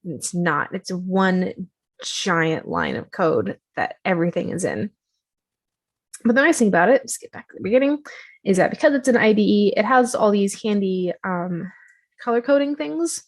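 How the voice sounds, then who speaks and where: Speaking at a moderate clip in a mid-range voice, an animated woman gives a relaxed walkthrough of software on her screen. She's talkative, pokes fun at herself, and leans on lots of filler words.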